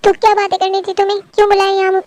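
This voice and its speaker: A woman voicing a sharp-tongued young woman, very high. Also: completely flat delivery, racing. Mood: sulky. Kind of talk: amateur Hindi fan-dub acting.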